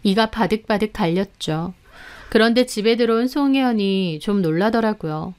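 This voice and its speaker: A woman narrating a dramatic first-person story in a measured way. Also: medium pitch, a little mellow, clean tone.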